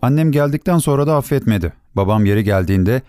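A man narrating a story for an audiobook in a measured, expressive storytelling manner. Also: mid-range voice, smooth, no room sound, faint music behind. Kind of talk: scripted narration.

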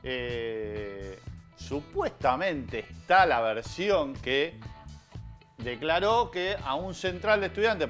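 A man's voice: medium pitch, fairly bright tone. A man with an Argentine accent co-hosting a football podcast, eagerly telling stories and agreeing with the others. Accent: Argentine Spanish. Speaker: podcast co-host. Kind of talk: casual sports chat.

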